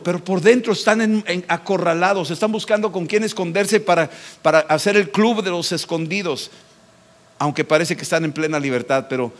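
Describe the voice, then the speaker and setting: A male pastor delivers a sermon in a fairly high voice. He swings between loud, emphatic declarations and soft, hushed reassurances.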